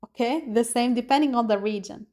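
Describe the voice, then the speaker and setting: A woman's voice: fairly high pitch, fairly quick, warm tone. A woman from Lebanon with a Lebanese accent, teaching a beginner language lesson, patiently explaining and repeating words for learners to copy. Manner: addresses viewers as "guys". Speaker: Arabic teacher.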